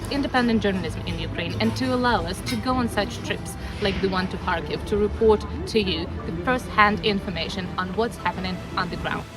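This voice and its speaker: A woman's voice: mid-range voice, a little fast, hardly any pauses, distant mic, low-quality recording. Woman's earnest appeal over music. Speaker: news outlet presenter. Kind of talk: scripted appeal for support.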